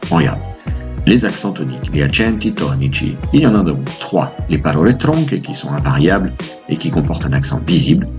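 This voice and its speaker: A man's voice: deep voice, vocal fry. A man hosting a language lesson, explaining grammar to viewers in an upbeat, patient way with playful asides. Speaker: language teacher, host.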